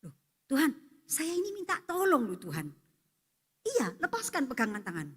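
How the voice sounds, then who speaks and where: A man's voice: extremely high pitch, huge pitch swings, moderate pace, fairly bright tone, heavily acted. A woman preacher voicing a stranded male traveler who pleads with rising, anxious cries, in a long church-hall reverb. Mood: pleading.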